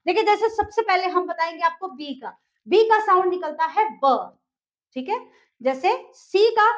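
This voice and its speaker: Woman teacher explaining letter sounds slowly, really high voice, kinda lo-fi audio. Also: a bit bright. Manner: patient, repetitive, checks in with "clear?". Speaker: English teacher. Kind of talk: classroom-style lesson.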